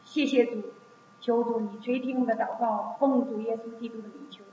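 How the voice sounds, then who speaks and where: A hoarse woman leads a fervent prayer, her pleading phrases circling back again and again. Her voice sits a little high. It rings through a long, echoing hall on a dull, muffled recording. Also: fairly even intonation, a little fast, slight background noise. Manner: repetitive, pleading cadence. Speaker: prayer leader. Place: church meeting room.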